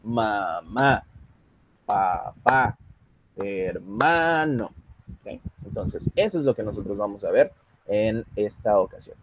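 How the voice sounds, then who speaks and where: A man's voice: medium pitch, a little mellow, husky. Patient man teaching English. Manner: explains patiently, switches between Spanish and English. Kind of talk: online class instruction.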